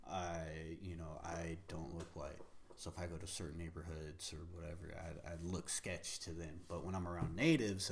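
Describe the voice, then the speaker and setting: Very deep-voiced American man, candid and slangy. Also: a little mellow, a little hiss or hum. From United States, Pacific Northwest. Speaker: guest. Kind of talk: casual storytelling in conversation.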